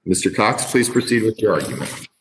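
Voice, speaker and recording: Low-voiced male presiding judge. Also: very animated, fairly quick, slight background noise, low-quality recording. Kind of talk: formal court proceedings talk.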